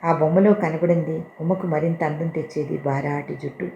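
A woman reading a first-person story aloud in a calm, measured, reflective way. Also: low voice, vocal fry, muffled recording. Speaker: story reader. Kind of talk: storytelling narration. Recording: roomy echo with faint noise.

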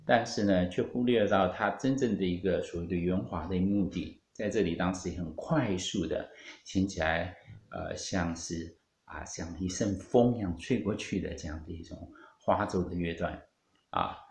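A man's voice: sits low, moderate pace, darkish tone. A man with a Taiwanese Mandarin accent teaching a guitar lesson, explaining patiently with many fillers and English music terms. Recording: roomy, guitar playing at times.

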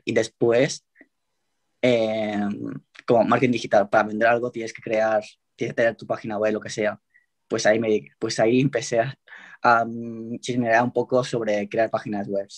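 A young man with a Spanish accent from Spain, talking casually as an interview guest in a relaxed, rambling way with many fillers. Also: lowish voice, normal speed. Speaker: guest tiktoker.

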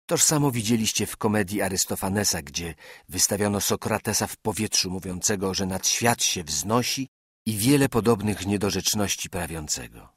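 A man reading an audiobook, delivering a classical speech in a measured, oratorical manner straight to his listeners. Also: lowish voice, expressive, breathy edge, no echo, clean studio sound. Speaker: audiobook reader. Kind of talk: scripted narration of a classical speech.

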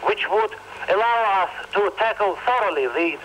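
A man working as a live interpreter, rendering a leader's words in a careful, measured delivery inside a news report. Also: high-pitched, expressive, a bit bright, a little hiss or hum, rough recording.

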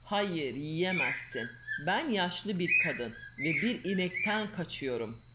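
A woman voicing a boastful little male gingerbread cookie in a storybook, chanting in a taunting sing-song, recorded with loud background noise. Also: lowish voice, expressive, takes it slowly.

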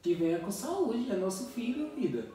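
A man's voice: high-pitched, big pitch swings, normal speed, warm tone, recorded from a distance. A young man in a casual chat, slangy and saying mano a lot. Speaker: pranked boyfriend. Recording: echoey room, off-mic, faint music.

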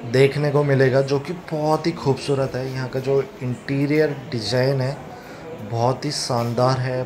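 A man in his thirties with an Indian accent, giving chatty tour-guide commentary for a travel vlog, filmed on a phone held at arm's length. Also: medium pitch. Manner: chatty tour-guide commentary, mixing English words into Hindi. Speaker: travel vlogger host. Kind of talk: casual travel vlog narration. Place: in a car, then outdoors by a lake and inside a wooden club. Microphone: phone camera at arm's length. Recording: noisy phone recording with car and street noise.

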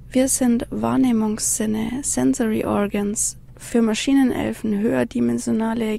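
A woman reciting her own spiritual text in a slow, dreamy, incantatory way, often dropping into a gravelly whisper. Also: on the high side, mellow. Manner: slow, dreamy, incantatory, mixing in English phrases.

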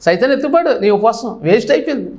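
Animated high-pitched preaching man. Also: fast talker. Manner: animated preaching, rising and dropping sharply for emphasis. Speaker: pastor. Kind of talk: sermon.

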